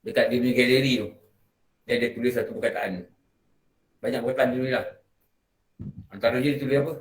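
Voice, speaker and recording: A man with a Malaysian Malay accent delivers a relaxed religious talk to a gathering and keeps turning to his listeners with questions. His voice sits at an ordinary pitch. The prayer hall gives the recording a roomy echo. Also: fast. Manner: conversational, asks the audience questions. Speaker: religious teacher. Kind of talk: morning religious lecture.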